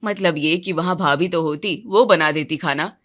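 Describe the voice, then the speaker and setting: A weary cartoon husband, voiced by a woman lowering her pitch. He speaks softly and wearily in a bright, clear tone. Everything comes out low-key and a little grumbling. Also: moderate pace. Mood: calm, tired. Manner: subdued, low-key, quietly complaining. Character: weary grown man, soft-spoken husband. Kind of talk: animated storybook voice acting.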